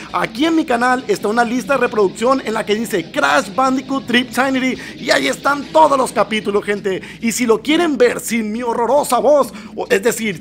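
A man giving excitable, nervous let's-play commentary and constantly calling out to his viewers. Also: very high voice, creaky, slight background noise. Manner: excitable, nervous reactions, keeps addressing viewers as "gente". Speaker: gameplay commentator.

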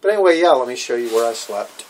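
A man's voice: medium pitch, lively intonation, fast talker, noisy background. A man in his sixties casually vlogging from a small boat cabin, rambling with many fillers, recorded on a handheld phone. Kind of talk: casual vlog. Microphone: phone camera at arm's length.

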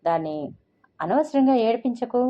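Woman playing a sharp-tongued sarcastic mother. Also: fairly high pitch, lively intonation, moderate pace, voice pushed up, lightly acted. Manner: sarcastic, cutting. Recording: dull lo-fi recording.

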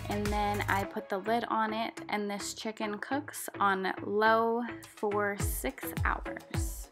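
A young adult woman, a lifestyle vlogger, calmly narrating a recipe step by step in a cooking voice-over. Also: medium pitch, slow pace. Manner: calm step-by-step instructions. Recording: voice-over over loud music. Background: loud background music.

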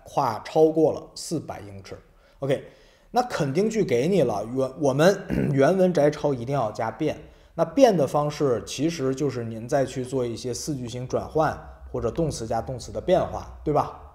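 Mellow-voiced male English teacher. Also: medium pitch. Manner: explains step by step, often checks with tag questions; mixes English example sentences into Mandarin. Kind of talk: video vocabulary lesson.

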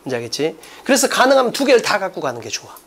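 A man delivers an energetic classroom lecture on an English exam, speaking bluntly and casually with emphasis and constantly quizzing students with rhetorical questions. His high voice swings widely in pitch and comes out rapid-fire.

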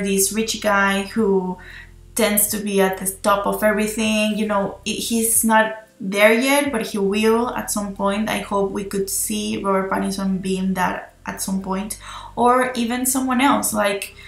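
Woman rambling excitedly on a phone video, kinda gravelly voice, echoey room. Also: medium pitch. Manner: chatty, enthusiastic, rambling. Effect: recorded on a phone. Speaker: movie reviewer. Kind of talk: casual spoken film review. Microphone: phone recording itself.

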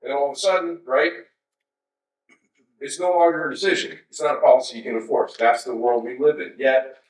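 A man's voice: medium pitch, steady tone, fairly quick. A man in his fifties giving a conversational conference keynote, with wry asides to the audience. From United States. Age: 50s. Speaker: keynote speaker. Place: large darkened conference hall. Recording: roomy hall sound from a distance.

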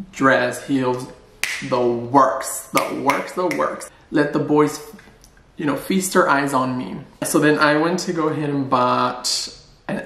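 A playful, talkative man chats through a casual vlog and pokes fun at himself. His voice has a gravelly edge. The room around him is echoey. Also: mid-range voice, a bit bright. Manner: playful, chatty and self-mocking. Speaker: vlogger. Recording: roomy echo.

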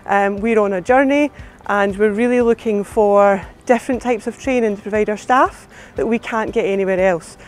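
A woman's voice: medium pitch, darkish tone. A woman working as an HR manager, speaking in an upbeat, fluent way in a filmed workplace interview. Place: outdoors in front of a hotel. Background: background music.

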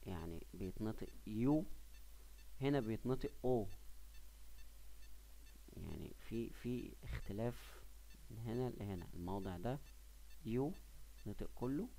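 A man's voice: on the low side, expressive, brisk, gravelly, mellow. A man with an Egyptian Arabic accent explaining a language lesson in a casual, patient way, step by step, sometimes restarting mid-word. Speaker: language teacher.

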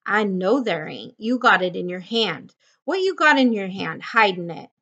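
A woman's voice: mid-range voice, very animated, moderate pace, fairly bright tone, muffled recording. A woman voicing an irritable, bossy little drifter man from a novel, with rustic, scolding speech. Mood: sharp, scolding. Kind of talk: audiobook-style character reading of a novel.

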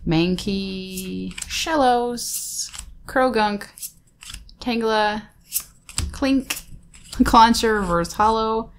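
Slow-talking woman opening card packs. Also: medium pitch, slight background noise. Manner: chatty, names each card aloud, laughs easily. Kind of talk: casual unboxing chat.

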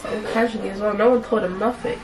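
A woman's voice: medium pitch, steady tone, fast talker. A young woman chatting with a friend, blunt and slangy, laughing often. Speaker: friend joining the vlog. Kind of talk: casual chat.

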